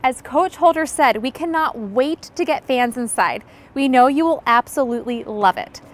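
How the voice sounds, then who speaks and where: A woman's voice: high-pitched, lively intonation, normal speed, soft background music. A young woman reporter giving upbeat scripted narration beside a ballfield.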